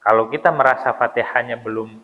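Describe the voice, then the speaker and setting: A man's voice: mid-range voice, fast talker. A man teaching a casual, joking study lesson, acting out mispronunciations. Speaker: religious teacher. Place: mosque. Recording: dull sound with long hall reverb.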